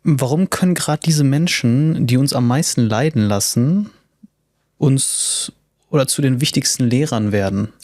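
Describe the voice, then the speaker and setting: A man's voice: mid-range voice, darkish tone, no room sound. Man hosting a podcast, dry close sound. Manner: asks measured questions, with backchannel "mhm". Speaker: podcast host. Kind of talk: interview questions.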